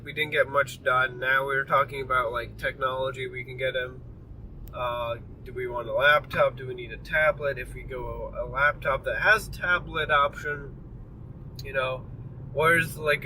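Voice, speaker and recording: A man's voice: mid-range voice, bright, forceful tone. A tired young man rambling through a casual driving vlog, full of fillers and apologies. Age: young adult. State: tired and yawning. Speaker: vlogger. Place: inside a moving car. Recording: distant mic with clear road noise.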